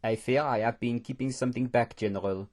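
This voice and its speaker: A man voicing a seasoned male hunter who speaks in a low, measured, gruff way with slightly odd phrasing. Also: fairly even intonation, a little mellow, close to an everyday voice. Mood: grave.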